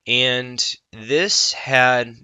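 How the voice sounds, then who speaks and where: A man speaking as a coach in a personal vlog, earnest and reflective, often halting mid-thought. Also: mid-range voice, pushed and bright, smooth, dry recording.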